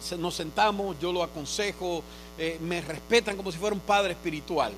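Pastor guy from cuba, fairly high voice, earnest sermon that gets fervent. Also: moderate pace, fairly bright tone, a little hiss or hum. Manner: earnest storytelling preacher, rising to fervent proclamation.

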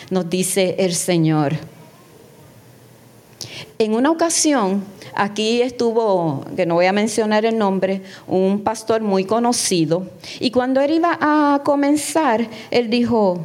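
A woman preaching a sermon, impassioned, her voice rising into high exclamations when she gets excited.

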